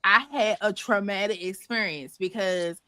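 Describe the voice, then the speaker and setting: A woman co-hosting a podcast, telling a story in a casual chat with emphatic, animated delivery. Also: mid-range voice, a little slow. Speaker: podcast co-host.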